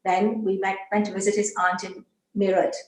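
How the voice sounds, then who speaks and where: An older woman from Barbados, a guest in an interview, earnestly shares her personal spiritual journey as a testimony, often restarting her sentences. Her medium-pitched voice stays fairly flat at a normal speed, recorded in an echoey room with a crowd audible behind her.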